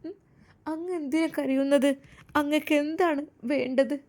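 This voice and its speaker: A woman voicing a devoted young wife who speaks softly and soothingly. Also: sits high, fairly even intonation, a little slow, voice pushed up. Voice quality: soft, hushed.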